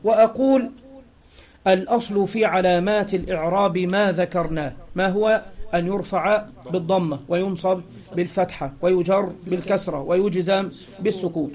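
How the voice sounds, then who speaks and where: A high-pitched man lecturing on grammar over a dull, lo-fi recording. He poses questions to the class and answers them himself, repeating each point. He reads quoted passages louder and more slowly. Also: steady tone. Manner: asks rhetorical questions and answers them, repeats key phrases. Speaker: Arabic grammar teacher. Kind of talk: classroom lecture explaining a text.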